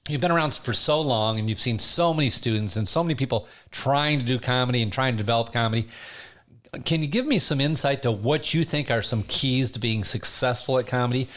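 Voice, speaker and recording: A man's voice: mid-range voice, a little fast, a bit bright. A man in his sixties hosting a casual conversation, telling self-deprecating stories and laughing easily. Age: 60s. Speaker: podcast host.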